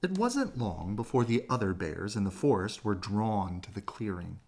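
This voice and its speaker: A lowish-voiced man performs a children's story as bedtime narration. He's expressive throughout, dragging out phrases for dramatic effect.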